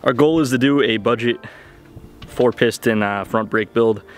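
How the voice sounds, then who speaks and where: A man's voice: medium pitch, moderate pace, faint music behind. A young man hosting a car-repair vlog outdoors, talking to the camera in a casual, profane way as he works. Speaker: channel host. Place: outdoors on a street beside a car.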